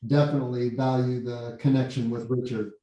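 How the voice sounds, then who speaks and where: A man's voice: mid-range voice, little pitch movement, mellow, highs cut off. Man with a hollow, cave-like echo. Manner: casual, halting, repeats words. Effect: hollow cave-like echo, as if speaking in a hole. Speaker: meeting host. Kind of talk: casual meeting chat. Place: meeting room with windows and blinds. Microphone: computer mic set back from the speaker. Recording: very echoey room, far from the mic.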